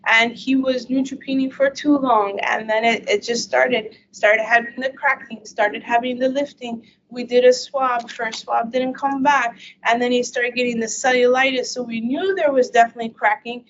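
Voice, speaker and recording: A woman's voice: a little high, fairly even intonation, normal speed. A woman physician giving a case-based medical lecture in a chatty, anecdotal storytelling manner. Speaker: infectious disease physician lecturing. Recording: dull lo-fi audio with faint hiss.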